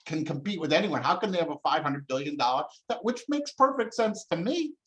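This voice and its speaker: A man answering interview questions, explaining at length in a lively, animated way with frequent fillers and restarts. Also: a little high, fairly quick, rough recording. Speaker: interviewed scholar.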